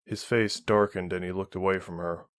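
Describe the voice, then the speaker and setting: A man narrating fan fiction in a steady, measured reading. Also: low voice, no room sound, studio quality. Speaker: audiobook reader.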